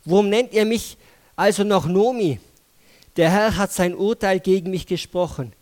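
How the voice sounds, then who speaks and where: Man doing a grieving bitter old widow, slow and heavy, kinda high voice. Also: darkish tone, natural voice. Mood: bitter lament.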